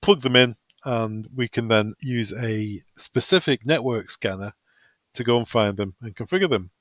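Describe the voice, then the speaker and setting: A product tutorial presenter, a man with a medium-pitched voice at normal speed, guides viewers step by step through software in a semi-improvised, informal, practical way. The recording has no echo.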